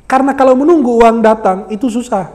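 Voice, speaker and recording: A man preaching an Islamic sermon, telling lively stories and acting out the people in them. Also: extremely high pitch, fast talker. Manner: lively storytelling, acts out quoted voices, laughs. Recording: long hall reverb.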